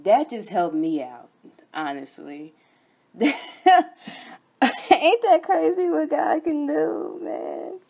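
A woman's voice: sits high, expressive, slow, vocal fry, long pauses, a little mellow. Fervent young woman preaching. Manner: fervent, repetitive, exclamatory preaching with chanted refrains. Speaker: host and preacher. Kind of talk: energetic sermon broadcast.

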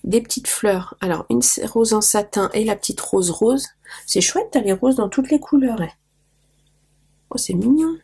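With vocal fry and a slightly rough, mellow quality, her voice sits on the high side at a moderate pace. She's a craft vlogger losing her voice, chatting to viewers as she opens mail and gushes over small details.

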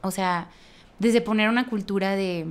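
A woman with a Mexican accent, a worship leader, telling a story in lively conversation, laughing often and restarting her phrases with emphasis. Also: medium pitch, normal speed, smooth.

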